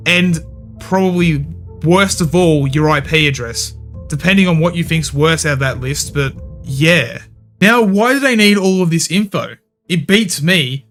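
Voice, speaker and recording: A man with a high voice hosts scripted commentary for a gaming channel. He gives his opinions bluntly and swears casually. Soft music plays quietly under his voice.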